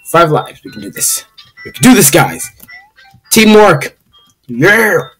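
A woman commentating on a video game, swinging from quiet mumbling to frustrated yelling. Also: fairly low pitch, very animated, slow pace, slightly rough, soft background music. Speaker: gaming video host. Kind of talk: gaming commentary.

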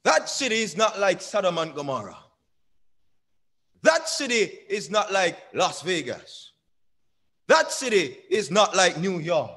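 Young male preacher, high voice, call-and-response sermon, pulpit microphone. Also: fairly bright tone. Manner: call-and-response preaching, drawn-out emphatic lines, asks the congregation. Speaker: church elder preaching. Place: small church sanctuary at a pulpit. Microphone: pulpit microphone on a stand.

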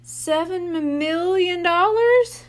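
A woman reading aloud as an excitable young boy who asks eager questions. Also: extremely high pitch, very slow, pitched above the performer's own voice, full character voice.

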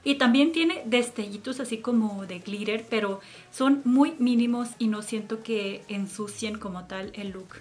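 A woman's voice: a little high, unhurried. A woman giving a chatty makeup tutorial and product review, fond of cute diminutives. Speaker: beauty vlogger.

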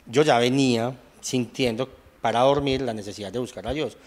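A man's voice: mid-range voice, moderate pace, in a large hall. A young Colombian man with a Paisa accent, telling his testimony in casual conversation and acting out what he said back then. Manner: animated storytelling, acts out his own past lines. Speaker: guest giving testimony.

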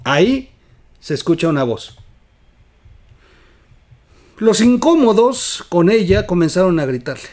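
A man with a Mexican accent hosting a political commentary show, emphatic, with loud outbursts and quiet asides. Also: sits high, big pitch swings, unhurried, pauses often. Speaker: news commentary host.

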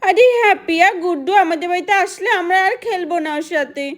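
A woman's voice: very high voice, quick pace, fairly bright tone. A woman voicing a caring village girl who comforts her sick younger sister. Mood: comforting.

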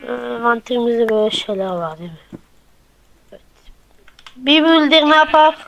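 A woman's voice: high voice, fairly bright tone, rough recording. A woman hosting a gameplay channel, chatting casually to viewers and counting blocks aloud as she builds. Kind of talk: casual let's-play commentary.

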